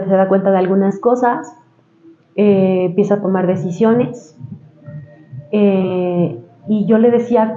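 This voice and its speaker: A woman's voice: mid-range voice, dark tone, slight background noise. A woman, a therapist guest on a podcast, recounting therapy sessions at length in a casual way with many fillers. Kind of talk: casual storytelling in a podcast interview. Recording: roomy, slightly dull podcast sound with faint ambience.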